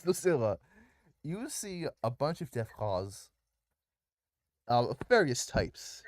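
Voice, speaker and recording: A man's voice: mid-range voice, very animated, slow pace, no echo, clean studio sound. A man running a tabletop game as game master, laughing often and stalling with repeated restarts.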